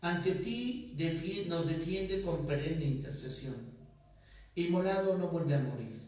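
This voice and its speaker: A man, a priest, celebrating Mass, singing and reciting prayers in a slow, measured way, with a cathedral echo around his voice. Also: on the high side, expressive, darkish tone. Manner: slow, measured liturgical delivery, partly sung. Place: large church. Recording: echoey church, voice from far off the mic.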